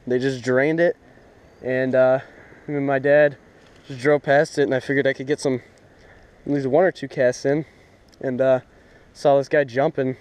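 Fishing from the shore of a lake, a young man narrates casually for his vlog, meandering and using plenty of fillers. His medium-pitched voice is clean and moderately paced, recorded outdoors through an action camera strapped to his head.

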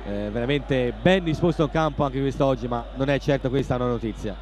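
A man's voice: mid-range voice, a little fast, a little mellow. A man giving live football analysis as co-commentator from a noisy stadium. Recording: noisy stadium broadcast with crowd. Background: stadium crowd noise.

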